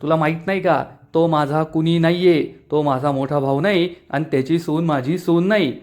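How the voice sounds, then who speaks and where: A sharp-tongued village aunt who scolds and hurls insults, as a male narrator reads her lines. The voice sits a little high and quick, angry and cutting, in a plain retelling of a TV serial. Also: lightly acted. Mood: scolding.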